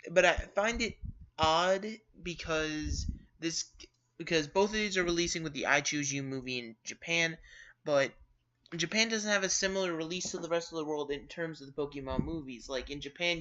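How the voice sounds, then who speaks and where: A man's voice: fairly high pitch, sharp tone. A man hosting a casual gaming news show, rambling with lots of fillers and self-corrections. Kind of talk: casual video-game news commentary. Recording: dull lo-fi sound.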